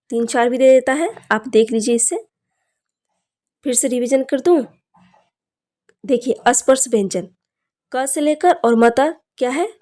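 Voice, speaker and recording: A young woman teaching an exam-prep grammar lesson, speaking slowly and deliberately and often telling students to look closely. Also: on the high side, dark tone. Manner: slow, deliberate, repeats "dekhiye" often.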